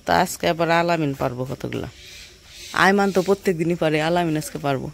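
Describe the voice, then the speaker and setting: A woman, narrating a casual family vlog and gently coaxing a small child to write. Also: sits low, quick pace, vocal fry, heavy background noise. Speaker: village vlogger. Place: village home, outdoors.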